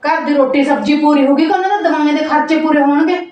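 A woman's voice: high voice, fairly even intonation, quick pace, a little mellow, highs cut off, natural voice. A woman playing a nagging, stingy sister-in-law. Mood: grumbling. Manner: complaining, nagging. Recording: echoey room, far mic.

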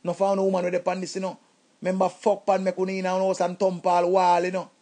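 Jamaican male storyteller, husky voice, animated and loud, acts out every voice. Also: high voice, quick pace. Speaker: comedic storyteller. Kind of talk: comic storytelling.

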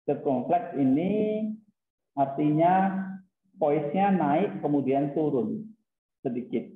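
A man's voice: a little high, animated, takes it slowly. A man teaching a lesson in a casual way, explaining step by step and dropping in English terms. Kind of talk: casual classroom lecture. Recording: tinny phone-like, roomy echo.

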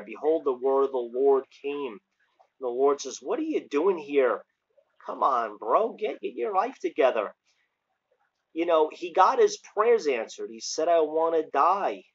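On a covered porch outside his house, a middle-aged American evangelist gives an informal internet sermon, reading scripture and exhorting hard in plain, colloquial speech. The recording comes from a phone or webcam at arm's length and sounds dull, carrying his mid-range voice.

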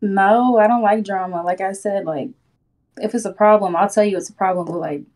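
A woman's voice: medium pitch, brisk, darkish tone. A twenty-year-old woman from Missouri, straightforward with some hesitant fillers, chatting on a video date. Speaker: dating contestant. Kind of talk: casual chat. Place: home room.

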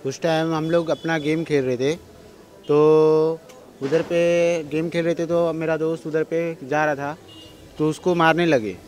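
A young man describing a fight he was in, in a plain, halting way, outdoors on a city street. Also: fairly high pitch, level tone, a little mellow. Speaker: witness.

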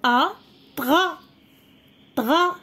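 A woman's voice: sits high, a little slow, pushed and bright. A woman teacher, sounding out French syllables one by one for young pupils and explaining in Arabic. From Morocco. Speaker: primary school French teacher. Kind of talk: slow syllable-by-syllable reading lesson.

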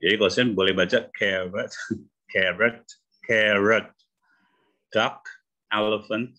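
Husky man coaching an online phonics class. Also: fairly low pitch, fairly even intonation, unhurried, bright, forceful tone, highs cut off. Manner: repetitive, affirming with "ya", demonstrates sounds. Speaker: English coach. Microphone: video call.

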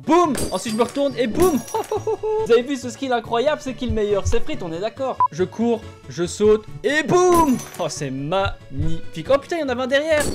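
A man in his twenties giving excited, slangy let's-play commentary, exclaiming and cursing as he plays. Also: very high-pitched, normal speed, few pauses. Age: 20s. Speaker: gaming video host. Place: small room at home. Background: music.

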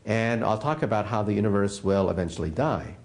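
A man from the United States, a physicist guest in an interview, explaining science as an animated, emphatic storyteller. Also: lowish voice, fairly quick.

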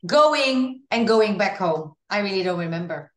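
This Dutch-accented woman, a singer being interviewed, talks a bit slowly in a medium-pitched voice. The casual video call comes from a room at home through an earphone headset and sounds roomy, and she is animated, gesturing with her hands and often starting sentences over.

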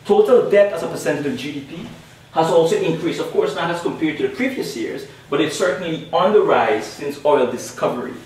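A young man from Guyana presents on an academic panel in a slightly high, slightly mellow voice with lively intonation, speaking a little fast. He's emphatic, repeats key points, and often checks in with "all right?" The lecture-room audio is very echoey, recorded from far off with faint noise.

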